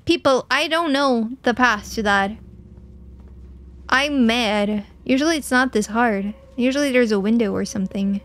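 While streaming a video game, a young adult woman from Portugal chats casually with her audience, answering messages with mock outrage and humor. Her voice leans high and her pace is measured.

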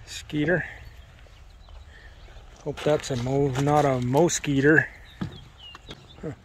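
Man, travel vlogger, slow relaxed musing commentary, slightly higher voice, handheld camera outdoors. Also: slight background noise. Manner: relaxed, musing, easily amused. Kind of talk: casual walking commentary. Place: outdoor historic village.

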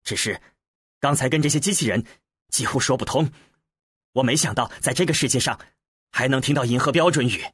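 A man's voice: medium pitch, fairly quick, long pauses, fairly bright tone, husky, no room sound, clean studio sound. A man doing a guarded starship captain. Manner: blunt, guarded questioning. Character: wary adult male starship captain. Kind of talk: audiobook character voice.

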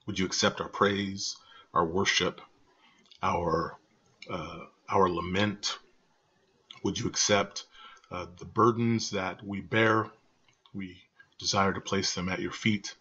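An older man, a pastor, opening a church service and leading prayer in an earnest, unhurried way, pausing often, speaking at home over a video call. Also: low voice, steady tone, sharp tone, breathy edge. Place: home room, indoors. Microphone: webcam on a video call. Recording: dull lo-fi video call audio.

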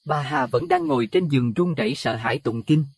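A man narrating a Buddhist horror audio story in an expressive, dramatic way. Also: fairly high pitch, a little fast, gravelly, slightly rough, no echo. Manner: expressive, rising to alarm at scary moments.

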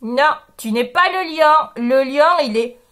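A woman's voice: high-pitched, slow, a bit bright. A woman voicing a stubborn male sheep who firmly refuses, in a storybook reading. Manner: emphatic, firm refusal.

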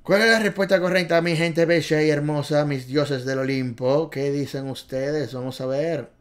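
A man's voice: on the high side, steady tone, moderate pace. Exuberant man teaching driving theory. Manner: exuberant, playful, repetitive. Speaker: driving test tutor. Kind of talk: video lesson.

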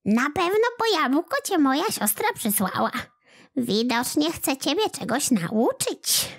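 Woman doing a high, slow, kindly old granny. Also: sing-song, full character voice. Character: cheerful rosy-cheeked kindly old woman.

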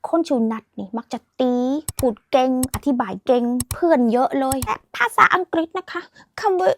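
A woman's voice: high-pitched, animated, normal speed, slight background noise. A woman teaching a playful language lesson, teasing and mixing in English phrases. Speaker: language tips host.

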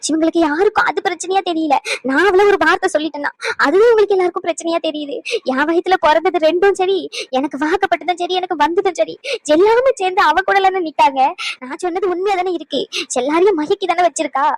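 A woman voicing a self-pitying grandmother who complains in a whiny, drawn-out way. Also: extremely high pitch, no echo. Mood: complaining.

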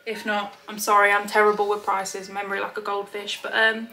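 A woman's voice: mid-range voice, monotone, a little fast, pushed and bright, low-quality recording. A British woman chatting casually to camera as a haul vlogger, slightly out of breath, rambling with lots of ums. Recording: clear background noise with clicks.

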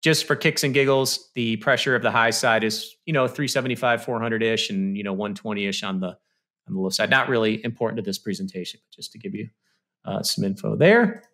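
This HVAC presenter is a man in his 30s whose bright, forceful voice sits on the low side, and he moves briskly in a casual instructor tone. Talking over slides from a small indoor room, he walks through each step conversationally, peppered with "you know" and "okay." The audio comes from a stand-mounted studio mic with headphones on a video call.

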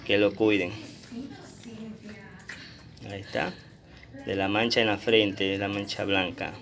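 A man, filming and chatting playfully to his puppies, often slipping into squeaky baby talk. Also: steady tone, a little slow, gravelly, fairly bright tone. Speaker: vlogger. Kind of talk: casual talk to dogs on camera.

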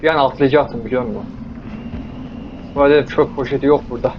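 Brief: young male gamer, jokey chatter at the zombies, dull lo-fi mic, steady hiss behind. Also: mid-range voice, fast. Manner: joking, talks to the zombies, bursts into yells. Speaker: gameplay streamer. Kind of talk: casual let's-play commentary.

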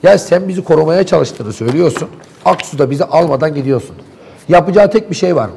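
A man's voice: on the high side, lively intonation, fast, vocal fry, warm tone, slight background noise. A man in a local TV studio, animatedly and indignantly recounting events in heated talk.

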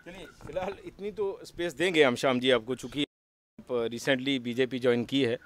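A male news anchor from closing a political interview with formal, measured commentary. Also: mid-range voice.

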